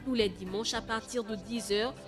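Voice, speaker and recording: A woman's voice: fairly high pitch, fairly even intonation, moderate pace. A woman reading a scripted promotional announcement for a radio programme. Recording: loud music bed under voice. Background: loud music.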